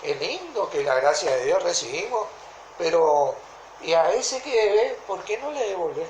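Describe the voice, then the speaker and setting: A woman's voice: lowish voice, very animated, a little mellow, slight background noise. Argentine woman preaching in an echoey room. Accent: Rioplatense Argentine. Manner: deliberate, repeatedly checking that listeners follow. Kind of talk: sermon.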